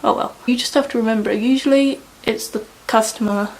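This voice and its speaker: A woman's voice: fairly high pitch, fairly even intonation, brisk, rough recording. A young woman chatting casually in a rambling way while doing her makeup at home, with lots of fillers. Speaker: beauty vlogger.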